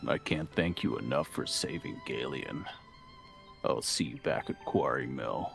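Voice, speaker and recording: Man putting on a very deep, stern fantasy captain. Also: expressive, unhurried, creaky, fairly bright tone, soft background music, full character voice. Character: gruff, deep-voiced adult male resistance captain, stern but protective. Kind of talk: hammy fantasy game voice-over.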